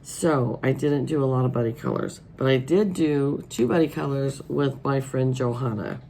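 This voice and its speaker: Froggy, gravelly middle-aged American woman. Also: very deep voice, moderate pace, dark tone, a little hiss or hum, poor audio. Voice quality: froggy, hoarse. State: congested with allergies. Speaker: host of a colouring channel. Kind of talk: casual vlog chat. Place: indoors at a wooden table.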